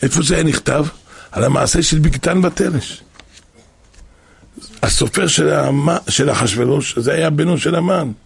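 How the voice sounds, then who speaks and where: A man preaching a religious story in a dramatic way, acting out voices and breaking into shouts, with a very husky, gravelly voice. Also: on the high side, long pauses, no room sound. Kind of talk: animated storytelling sermon.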